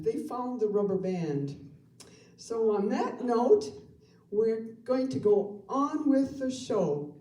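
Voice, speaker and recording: A woman's voice: a little high, dark tone. Older woman emceeing a stage show. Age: 70s. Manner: slow, deliberate delivery of one-liners. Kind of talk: live stage emcee patter with jokes. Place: performance hall for a live audience. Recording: roomy hall, mic from a distance.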